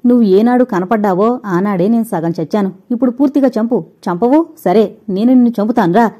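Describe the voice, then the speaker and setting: A woman's voice: on the low side, steady tone, brisk, mellow, close to an everyday voice. A woman voicing a feverish, distraught young woman in an audio novel, with anguished, pleading speech.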